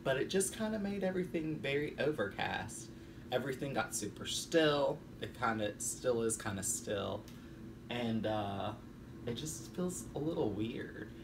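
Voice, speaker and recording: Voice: mid-range voice, lively intonation, a little slow, recorded from a distance, noisy background. A vlogger chatting casually to viewers in a laid-back, spacey stoner drawl.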